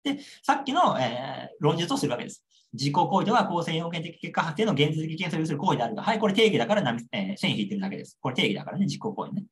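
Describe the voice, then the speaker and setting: A man's voice: a little high, sing-song, very fast. A young man lecturing on a model exam answer, repeating key points and checking understanding with rhetorical questions.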